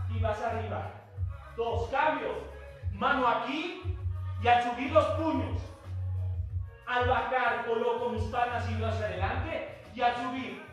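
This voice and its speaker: A man with a Mexican accent leading an exercise class, encouraging students and loudly counting out repetitions. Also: extremely high pitch. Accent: Mexican Spanish. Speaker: fitness instructor. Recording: echoey room, voice far from mic, faint music.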